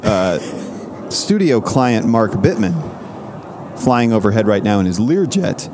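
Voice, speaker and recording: A man with a fairly low voice co-hosts a loose, joking podcast. He delivers his gags dry and deadpan, and faint noise sits under the recording. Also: unhurried. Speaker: podcast co-host. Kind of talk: casual comedic podcast banter.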